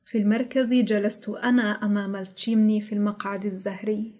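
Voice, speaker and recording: A woman reading the lines of an elderly male general in an audiobook, speaking in a quiet, measured, low tone. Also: little pitch movement, close to an everyday voice. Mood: quiet, reminiscing. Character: elderly male general, calm, brooding, exacting.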